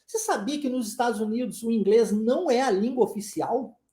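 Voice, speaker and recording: A woman teaching English in a live online lesson, chatting with viewers, laughing often and checking in with quick questions. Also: fairly high pitch, warm tone, echoey room.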